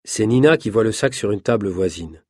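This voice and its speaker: A man narrating an easy-reader story aloud in a measured, clearly articulated manner. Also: on the low side, lively intonation, darkish tone, no echo, clean studio sound. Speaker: audiobook narrator. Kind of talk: reading an easy French story.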